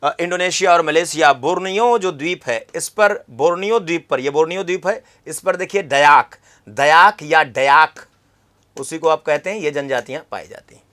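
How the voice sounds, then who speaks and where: A man's voice: fairly high pitch, brisk, a bit bright. A man teaching an exam-prep geography lesson, repeating key terms and quizzing the viewer with questions.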